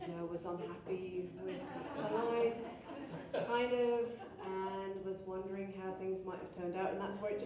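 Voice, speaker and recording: A middle-aged woman, a guest author, telling lively, self-mocking stories at a Q&A, laughing often. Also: lowish voice. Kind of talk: anecdotal Q&A storytelling. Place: event hall, indoors. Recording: roomy hall from far off, faint noise.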